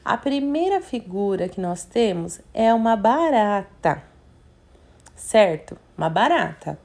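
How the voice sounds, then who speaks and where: A woman teacher, guiding young children through a worksheet. She speaks slowly and patiently in a mid-pitched voice and breaks words into syllables. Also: big pitch swings, darkish tone. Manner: slow, patient, sounding out syllables. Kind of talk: remote literacy lesson for young children.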